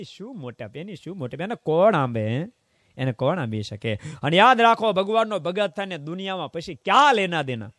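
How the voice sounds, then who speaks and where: Man, swami's sermon, storytelling, hushed asides and loud cries, raised voice, dry close sound. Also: sits high, no room sound. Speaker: swami preaching at a devotional camp. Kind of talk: sermon with told stories.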